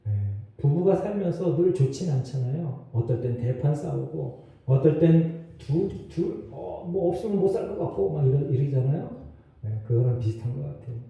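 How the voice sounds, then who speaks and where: Pastor preaching in an echoey church. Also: male voice, on the high side, expressive, moderate pace, warm tone. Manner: conversational preaching with asides and laughs. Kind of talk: sermon. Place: church sanctuary. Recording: roomy echo, mic far off.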